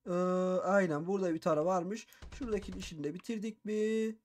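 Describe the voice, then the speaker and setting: Fast, excitable young gaming man. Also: sits high. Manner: rapid, excitable, boastful, exclaiming. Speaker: gaming YouTuber. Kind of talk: Minecraft role-play commentary.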